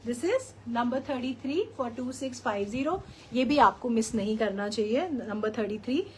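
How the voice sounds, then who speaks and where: A woman's voice: on the high side, lively intonation, takes it slowly, a little hiss or hum. A woman with an Indian English accent hosting a live shopping showcase, effusively praising each outfit and mixing Hindi with English. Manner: effusive selling, repeats "very, very", mixes Hindi and English.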